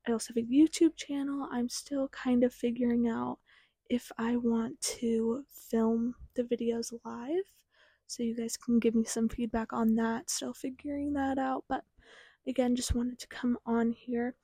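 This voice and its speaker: A woman's voice: a little high, flat delivery, unhurried, dark tone, husky, no room sound. Teenage girl, slightly lisping through a retainer. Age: teens. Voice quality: slight lisp from wearing a retainer. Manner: informal, chatty. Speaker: podcast host. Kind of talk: casual podcast introduction.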